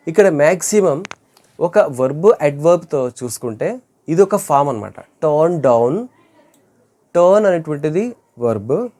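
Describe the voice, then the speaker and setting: An English teacher giving an online grammar lesson, repeating each word slowly to model pronunciation and correcting wrong forms. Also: mid-range voice, animated, warm tone.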